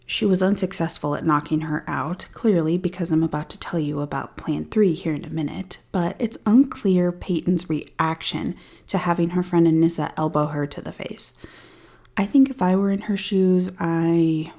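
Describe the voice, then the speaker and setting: A woman's voice: fairly low pitch, fairly even intonation, normal speed, mellow. A woman hosting a true crime podcast, retelling a case with dry, sarcastic asides. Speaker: podcast host. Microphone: studio-style podcast mic.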